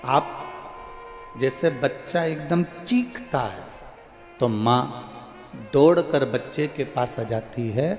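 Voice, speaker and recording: A man preaching a devotional sermon, slowly repeating his lines for emphasis, with a verse chanted now and then. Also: mid-range voice, darkish tone. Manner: slow, repetitive, emphatic preaching. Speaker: preacher of religious discourse. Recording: echoey hall with faint music.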